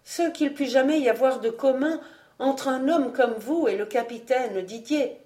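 A woman reading aloud, voicing a proud, indignant young noblewoman with an accusing, high-strung manner. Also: measured pace, warm tone.

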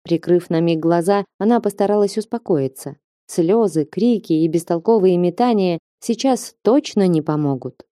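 Женщина читает аудиокнигу ровно и размеренно. Голос низковатый, тёплый и мягкий, запись сухая, близко к микрофону. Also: female voice, lowish voice, normal speed, warm tone, no room sound, studio quality. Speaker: audiobook narrator. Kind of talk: scripted narration.

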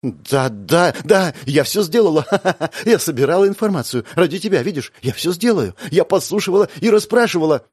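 A man's voice: on the high side, lively intonation, moderate pace, a little mellow, slightly rough, no echo, clean studio sound, voice pushed up. A man voicing a desperate young noblewoman who stammers and pleads frantically.

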